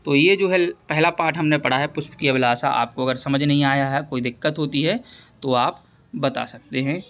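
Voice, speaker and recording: Fairly high-voiced male teacher. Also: normal speed, fairly bright tone. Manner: patient, repeats key words for students. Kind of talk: explaining a textbook lesson.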